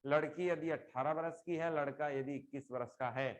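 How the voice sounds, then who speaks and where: A middle-aged man teaching a live online class, explaining slowly with repeated examples and putting questions to his students. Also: fairly high pitch, fairly even intonation.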